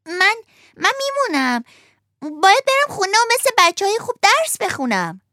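A woman's voice: very high-pitched, huge pitch swings, sharp tone, no room sound, studio quality, pitched above the performer's own voice, heavily acted. A woman voicing a naive, eager wooden puppet boy in a storybook reading, pleading and breathless. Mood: hesitant. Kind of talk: storybook narration.

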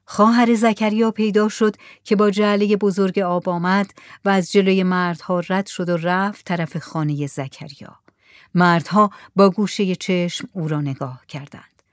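A woman narrates a literary story in a soft, hushed delivery that often sinks nearly to a whisper. Her voice sits in a middle register and is recorded close and dry, with no room echo. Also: medium pitch, steady tone. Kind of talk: reading a literary short story aloud.

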